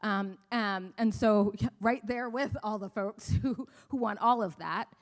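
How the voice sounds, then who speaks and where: A woman's voice: mid-range voice, measured pace. Woman from Barbados on a panel. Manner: thoughtful, with frequent fillers. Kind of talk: panel discussion.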